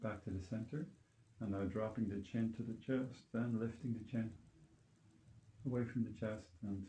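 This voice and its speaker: A man teaching meditation and yoga, leading a calm grounding exercise with unhurried, gently instructive guidance through mindful movement. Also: fairly low pitch, slight background noise. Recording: roomy, echoing indoor sound.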